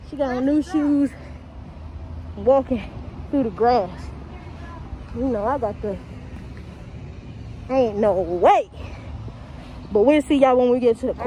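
A young American woman with a high, mellow voice chats casually to her viewers while walking city streets and a waterfront. She films on a phone held at arm's length, so the audio is dull and picks up outdoor street noise.

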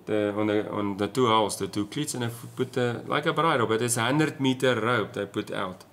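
A man's voice: lowish voice, brisk, a bit bright. Man with an Afrikaans South African accent. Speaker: sailing vlogger. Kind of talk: casual explanatory chat to camera. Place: small room at home, indoors.

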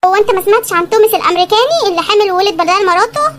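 A demanding young Egyptian woman from a comedy cartoon, nagging and refusing everything. Her voice is extremely high and sped-up, with a noisy hiss under the audio. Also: rapid-fire. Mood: stubborn. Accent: Egyptian Arabic. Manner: nagging, stubborn, shrill when pleading. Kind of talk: animated comedy sketch.

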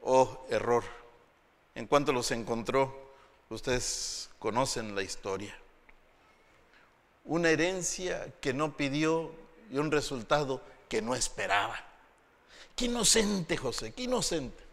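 Bright-voiced male preacher in a hall. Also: medium pitch, expressive, takes it slowly, pauses often. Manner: dramatic storytelling, acting out voices, rising to near shouts. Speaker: pastor. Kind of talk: sermon.

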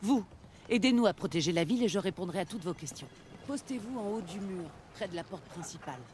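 A woman's voice: mid-range voice, animated, brisk, darkish tone, slight background noise, natural voice. An actress voicing a firm woman who leads a harbor town in a video game, giving orders with authority. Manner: firm, commanding. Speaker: game character.

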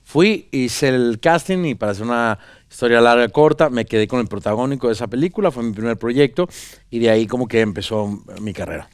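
A man in his thirties with a Venezuelan accent, a guest actor talking casually in an interview, relaxed and rambling with many fillers and restarts, on a studio set with a headset mic. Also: medium pitch, fairly quick, smooth, no echo. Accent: Venezuelan Spanish. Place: pink-decorated talk show studio set. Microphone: small headset mic.

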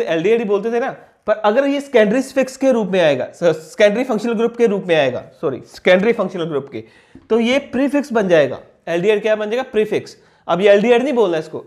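A high-pitched young man teaches a chemistry class at the board. He asks questions and answers them himself, repeating each key term slowly so it sticks. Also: very animated, darkish tone. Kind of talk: classroom lecture explaining on a board.

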